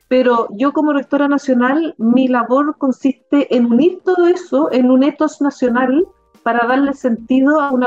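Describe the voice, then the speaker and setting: Animated Chilean woman, higher voice. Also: dull audio. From southern Chile. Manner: animated, emphatic, frequent fillers. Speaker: university rector. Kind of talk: conversational interview.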